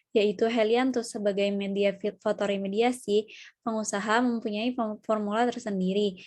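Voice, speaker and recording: A woman's voice: fairly high pitch, darkish tone, no room sound. A young woman from Indonesia, a student presenter, reading a class presentation carefully and restarting words. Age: young adult.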